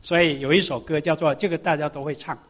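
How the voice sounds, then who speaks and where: A man's voice: on the high side, fairly even intonation, fast talker. A man who is a visiting professor giving a sermon, reading scripture and leading a church group in a hymn. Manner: leads congregation in a hymn, then prays softly. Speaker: guest speaker, professor. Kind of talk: sermon with hymn singing and prayer. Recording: long hall reverb.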